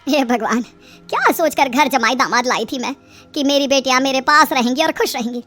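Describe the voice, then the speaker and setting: A woman's voice: high-pitched, brisk, pushed and bright. A woman voicing a middle-aged mother-in-law in a story, coaxing and plaintive as she schemes. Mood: exasperated. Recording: music behind the voice.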